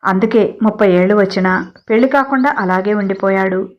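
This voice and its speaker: A woman narrating a storybook tale in a steady reading voice, with chatty personal asides to listeners. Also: mid-range voice, brisk, muffled recording.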